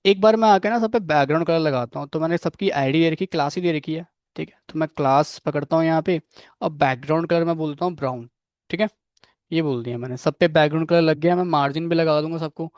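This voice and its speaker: The coding instructor speaks quickly in a fairly high, darkish yet clean voice. He explains things step by step, quizzes students by name and keeps checking with "theek hai." No echo mars the clean studio sound.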